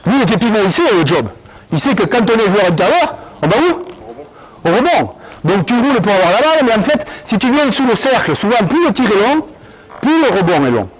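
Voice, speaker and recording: Animated high-voiced male basketball coach. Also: poor audio. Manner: animated, barking quick commands to players. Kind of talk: on-court coaching session. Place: indoor basketball court.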